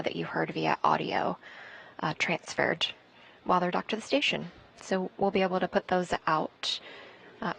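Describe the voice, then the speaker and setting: A woman's voice: fairly low pitch, gravelly, fairly bright tone, rough recording. A woman giving unscripted live spaceflight commentary as a broadcast commentator.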